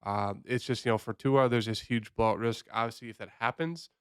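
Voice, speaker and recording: A man's voice: mid-range voice, steady tone, fairly quick, clear, resonant tone, dry recording, studio quality. A man who sounds sick, hosting a casual fantasy football picks breakdown in a loose, rambling, conversational way. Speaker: fantasy sports host.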